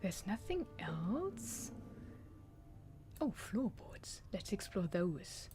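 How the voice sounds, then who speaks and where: Slow, mellow woman playing a game. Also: medium pitch, big pitch swings, faint music behind. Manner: musing, thinking aloud. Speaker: gamer commenting on play. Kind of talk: casual let's play commentary.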